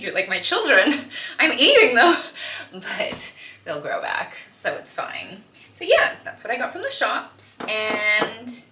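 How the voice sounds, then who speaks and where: A woman's voice: mid-range voice, bright, forceful tone, echoey room, a little hiss or hum. A young woman, chatting casually to camera at home with lots of "like"s and "um"s, often giggling. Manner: chatty, giggly, rambling with many "like"s and "um"s. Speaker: vlogger. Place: home kitchen.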